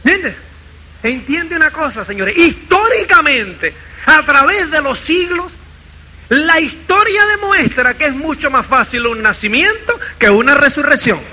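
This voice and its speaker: Male seminar speaker with a very high, bright voice, animated and swinging in pitch, live recording with faint noise. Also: unhurried, low-quality recording. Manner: animated, keeps asking "¿me entiendes?"; acts out quoted people in shifting voices. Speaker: motivational speaker. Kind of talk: seminar talk to an audience.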